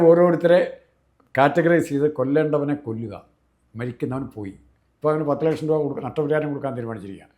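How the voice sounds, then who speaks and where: A man, a political commentator talking fast and emphatically, piling up examples. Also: medium pitch, mellow. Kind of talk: political discussion.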